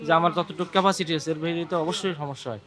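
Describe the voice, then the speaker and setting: A man who shops at the market, answering a reporter's questions in rapid speech with a flat tone. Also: fairly high pitch. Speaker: shopper interviewed. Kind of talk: street interview.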